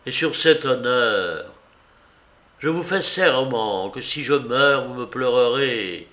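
A man's voice: medium pitch, expressive, takes it slowly, bright, forceful tone. A man playing an ardent, proud young nobleman. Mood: passionate. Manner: earnest, impassioned pleading.

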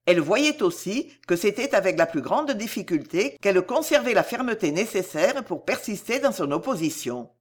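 A woman narrating a classic novel as an audiobook, in an even, composed manner. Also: mid-range voice, moderate pace, few pauses. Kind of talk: audiobook reading.

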